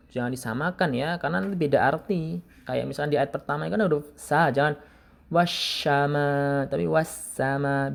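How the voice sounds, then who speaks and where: A young man teaching Quran recitation in a casual lesson, slowly repeating sounds to demonstrate them. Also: fairly high pitch, creaky, darkish tone.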